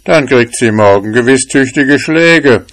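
A man's voice: medium pitch, animated, a little slow, a bit bright, pitched above the performer's own voice. A man voicing a sly, scheming hunting dog in a storybook tale, speaking in a raised, boastful way.

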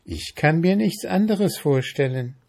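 A light, raised voice for a dreamy female mayfly , as a male reader puts her on, soft and wistful. The delivery is unhurried, with a slight gravelly grain. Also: fairly high pitch, animated, voice pushed up, full character voice.

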